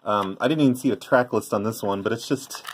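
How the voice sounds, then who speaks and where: This middle-aged vlogger, once a prank call tape trader, talks fairly quickly in a low voice while showing things off beside a tape deck indoors. His commentary is loose and casual, with slight background noise present.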